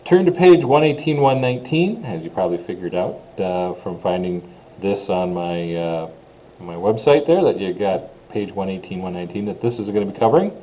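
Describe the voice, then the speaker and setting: A man's voice: low-pitched, lively intonation, moderate pace, darkish tone, a little hiss or hum, poor audio. A man teaching a casual recorded French lesson, talking informally with frequent "uh" fillers.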